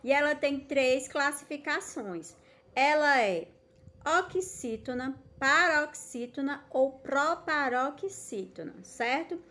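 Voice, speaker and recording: Female teacher, Brazilian accent, slightly high pitch. Patient and slow, asks questions, stretches words for emphasis. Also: sharp tone. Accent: Brazilian Portuguese. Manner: patient, checks in often with "tá certo?"; stretches words slowly to show stress. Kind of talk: recorded remote lesson for children.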